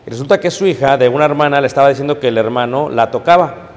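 A man preaching to his congregation, telling stories and calling them brothers, swinging between hushed asides and loud emphatic peaks. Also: mid-range voice, quick pace, long reverb tail. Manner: storytelling, addresses congregation as brothers, frequent "¿ok?". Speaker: pastor. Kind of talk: sermon.

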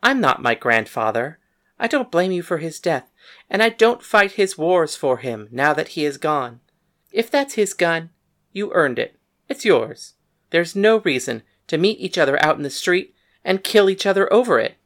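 A woman's voice: sits low, big pitch swings, normal speed. A woman voicing a bold, frank young gunslinging woman in an audiobook, speaking in a blunt, matter-of-fact way. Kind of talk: audiobook character voice.

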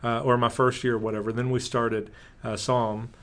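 A man's voice: mid-range voice, little pitch movement, normal speed, fairly bright tone. A man chatting casually as a pastor and co-host, given to joking, teasing asides. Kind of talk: casual conversation.

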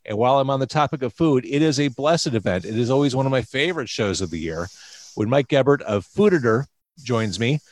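A man's voice: mid-range voice, animated, a little fast, dry recording, rough recording. A man hosting a podcast in a casual, wordy way, repeating points for emphasis. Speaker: podcast host. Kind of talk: casual hosting and interview talk.

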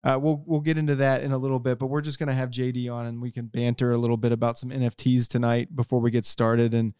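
A man's voice: mid-range voice, little pitch movement, fast, mellow, clean tone, dry recording, clean studio sound. A man hosting a collectors' podcast, joking and rambling in a casual chat. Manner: jokey, rambling, self-mocking. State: tired from no sleep. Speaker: podcast host.

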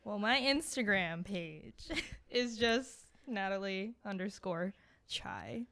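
A woman's voice: medium pitch, animated, takes it slowly, creaky, fairly bright tone. A woman in her twenties, a recent graduate, talking as a guest on a podcast in a shy, giggly way. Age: 20s. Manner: bashful, giggly. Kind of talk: casual podcast chat.

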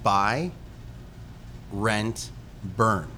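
A man's voice: lowish voice, very slow, sharp tone, a little hiss or hum. A man co-hosting a podcast in casual chat, easygoing and a little hesitant. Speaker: podcast co-host.

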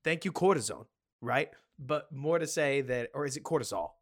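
A man's voice: mid-range voice, expressive, normal speed. A man co-hosting a casual sports podcast, musing about the game in a loose, conversational way. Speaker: podcast co-host.

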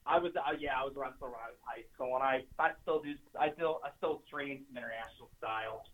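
A man's voice: medium pitch, fast, phone-quality sound. A man in his twenties, a guest calling in to a podcast, who talks in a hesitant, rambling way. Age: 20s. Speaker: guest caller. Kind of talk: casual chat.

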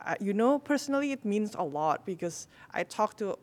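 A woman's voice: mid-range voice, expressive, moderate pace, darkish tone. A woman, a product manager and guest on a panel, explaining eagerly and with everyday examples in a casual discussion.

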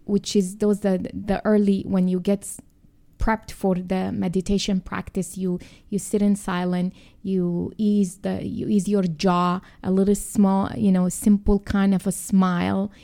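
A woman gently guiding a calm mindfulness and grounding exercise as a podcast host and coach, with a halting, instructive delivery. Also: medium pitch, gravelly.

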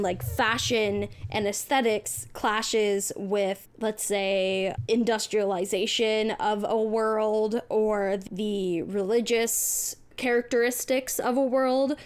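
A woman's voice: on the high side, clear, resonant tone. A woman hosting a podcast, musing aloud with "um" and "like" as she reads out listener questions. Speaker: podcast host. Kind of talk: casual interview chat.

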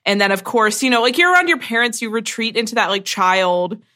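Bright-voiced young woman, rambling chat. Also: a little high, animated, brisk. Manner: rambling, self-deprecating, swears freely. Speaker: podcast co-host. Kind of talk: casual chat.

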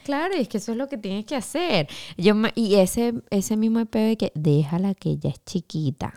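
A woman with a Venezuelan accent, co-hosting a chatty podcast and backing up her friend with short replies. Her voice sits on the dark, mellow side. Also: medium pitch, animated, moderate pace. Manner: chimes in with short agreeing replies and laughs. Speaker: podcast co-host. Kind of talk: casual chat.

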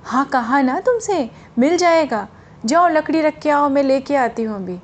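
A cranky, greedy old woman from a children's story, voiced by a woman storyteller, snapping in a high, impatient voice. She is quarrelsome and hurries everyone away so she can sleep. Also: moderate pace, darkish tone, natural voice. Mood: irritable.

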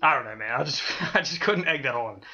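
A man's voice: medium pitch, animated, a little fast, bright, forceful tone, dull audio. A man co-hosting a podcast, chatting casually, laughing often and swearing freely. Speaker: podcast co-host. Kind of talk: casual chat.

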